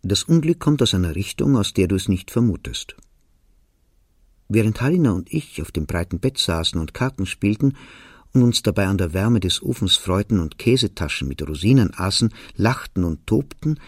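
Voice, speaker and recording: A man reading a novel aloud for radio, telling the story quietly and evenly in the first person. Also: low voice, lively intonation, moderate pace, slightly rough, dry recording, clean studio sound. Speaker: narrator. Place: radio studio.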